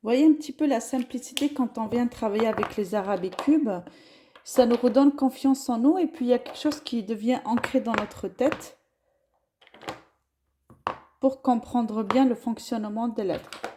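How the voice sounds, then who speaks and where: A woman's voice: on the high side, moderate pace, mellow, a little hiss or hum. A woman teaching a lesson, spelling words out syllable by syllable. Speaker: Arabic teacher.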